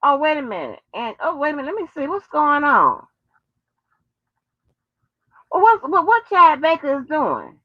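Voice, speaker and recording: Her high voice swoops wildly in pitch at a moderate pace, broken by long pauses, on a dry, dull lo-fi recording. The American host rambles casually and profanely to viewers and callers, drawing out exclamations and using folksy terms of address.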